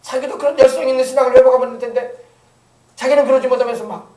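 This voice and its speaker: A high-pitched middle-aged male pastor delivers a sermon in a folksy, joking manner, slipping into impressions of grumbling elders. He sounds a little distant from the microphone. The church room around him rings with echo. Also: fairly even intonation, rapid-fire, warm tone, a little hiss or hum. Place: church sanctuary.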